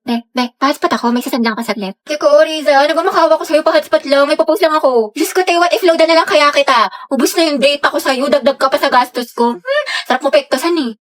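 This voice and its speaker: A woman acting in comedy skits, teasing and often very soft-spoken. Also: high-pitched, fast talker. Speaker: comedy skit performer.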